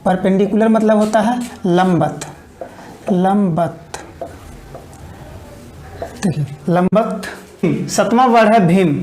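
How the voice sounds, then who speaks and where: A woman teaching English vocabulary in an online exam-prep lesson, explaining each word and then dictating it slowly with repetitions. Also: medium pitch, a little mellow, roomy sound.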